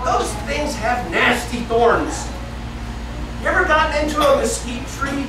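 A middle-aged man from the northeastern United States leads a kids' Sunday school lesson, telling the story slowly and asking the children questions. He is picked up by a camera across a very echoey church classroom. A clear background hiss sits under his voice. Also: very high-pitched, expressive. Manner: storytelling, asks the children questions, gestures and moves around. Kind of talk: Bible lesson for kids. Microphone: far camera. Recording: echoey room from far off with noisy background.

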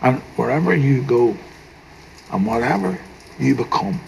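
An older man with a Northern Irish accent playing a gentle, wise, teasing grandfather in a film drama, soft-spoken and wry. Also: mid-range voice, lively intonation, measured pace, creaky, slight background noise, rough recording.

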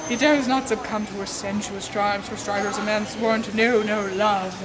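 A woman in her twenties, an amateur vlogger, reads a romance novel aloud in a playful, theatrical way, dropping in amused, mocking asides. Her mid-range voice keeps a fairly even intonation at a moderate pace. She's indoors among the book aisles of a store or library, and loud crowd murmur fills the busy public space.

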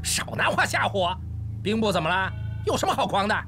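An actor playing a swaggering, bullying local constable in a period TV drama. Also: male voice, high voice, big pitch swings, brisk, pushed and bright, soft background music, exaggerated voice. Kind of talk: TV drama acting.

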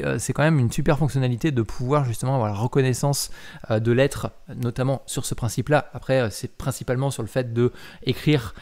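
A man's voice: medium pitch, darkish tone. Hesitant man, casual tech talk. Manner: hesitant, many filler sounds and self-corrections; reads aloud while commenting. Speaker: mobile app developer reviewing a software update.

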